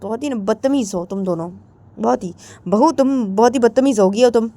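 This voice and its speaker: A woman's voice: a little high, brisk, mellow, pitched above the performer's own voice, close to an everyday voice. A woman doing a stern, scolding mother-in-law. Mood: reproachful. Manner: reproachful.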